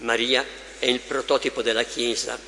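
A man leading adoration as a priest, reading scripture and meditations slowly and with measured care in a large church. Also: mid-range voice, level tone, gravelly, bright, forceful tone. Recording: echoey church with long reverb, faint ambience.

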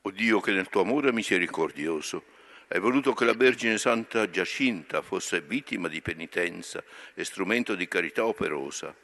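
A priest with a low, deep voice intones liturgical prayers, each phrase solemn and measured. His tone is bright and clear despite the low pitch. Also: animated. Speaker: priest leading Mass.

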